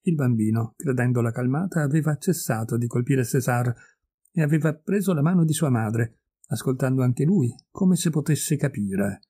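A man reading a classic short story aloud, measured and expressive. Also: medium pitch, slightly rough. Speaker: audiobook reader. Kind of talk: literary reading.

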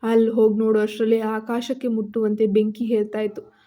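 Lady reading a serial story, flat even delivery, kinda high voice. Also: fairly quick. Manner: reads every character's lines in her own voice. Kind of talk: serialized audio story narration.

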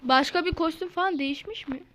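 A woman giving excitable live commentary while playing a video game, with frequent frustrated outbursts. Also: extremely high pitch, quick pace, heavy background noise. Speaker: gameplay streamer. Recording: loud game music underneath.

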